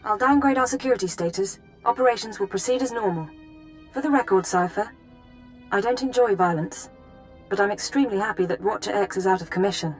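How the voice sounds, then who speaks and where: A woman voices a brisk, clinical, controlled intelligence handler in a video game cutscene, speaking in a clipped, formal way. Her medium-pitched delivery is quick and lightly acted, with faint music behind her.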